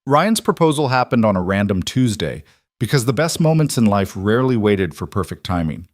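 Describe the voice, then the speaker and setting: A male narrator reads a scripted story in an even, measured manner with a lowish voice. The recording is dry and close, with no room sound.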